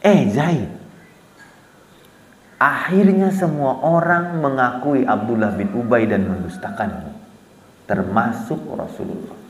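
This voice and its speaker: Lively Banjar-accented preacher in echoey hall. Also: male voice, mid-range voice, slow, pauses often, a little hiss or hum. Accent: Banjar Malay. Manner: lively, acts out quotes, asks listeners questions. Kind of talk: casual sermon storytelling. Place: small prayer hall. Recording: echoey prayer hall with long reverb.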